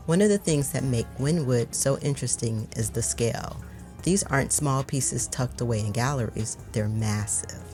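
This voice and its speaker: A measured, even-paced narrator reads a scripted travel voice-over at a middling pitch. Soft background music runs underneath the voice. The delivery is calm and steady. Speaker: vlog narrator.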